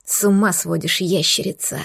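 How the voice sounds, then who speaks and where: A woman reading an audiobook voices a savage, breathless male werewolf who speaks in a low growl and a hiss. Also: steady tone, moderate pace, vocal fry, a bit bright, slightly rough, dry recording, clean studio sound, exaggerated voice. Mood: passionate. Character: savage male werewolf lover, furious and hungry. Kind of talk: audiobook character voice.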